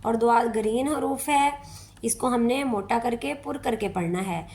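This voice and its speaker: A woman, a Quran teacher explaining pronunciation rules step by step in a slow, patient way. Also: a little high, darkish tone. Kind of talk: step-by-step recitation lesson.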